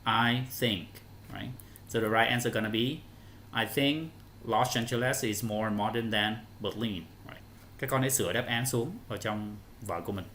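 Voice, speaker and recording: A man's voice: on the low side, moderate pace, a bit bright, slight background noise. A male English teacher, explaining answers step by step to children in an online lesson.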